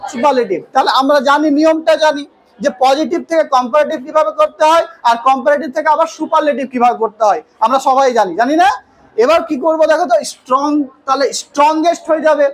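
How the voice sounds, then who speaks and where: Woman, grammar teacher, high voice, asks and answers her own questions. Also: rough recording. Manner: quizzes students with questions, then answers them herself. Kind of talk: classroom lesson.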